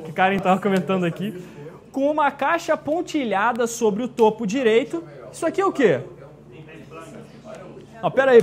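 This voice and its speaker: A man teaching a live exam-prep class, chatty and jokey, often checking in with his students. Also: very high-pitched.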